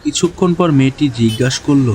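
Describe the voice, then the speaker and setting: Animated and fast, his natural mid-range voice carries the scripted, first-person tale of a kindly, newly qualified young doctor, told reflectively and literarily with dialogue. Music sits clearly in the background.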